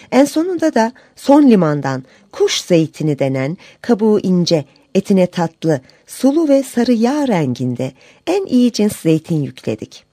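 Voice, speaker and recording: A woman narrating a classic folk tale in a measured, expressive reading. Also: fairly low pitch, no room sound, clean studio sound. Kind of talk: storybook narration.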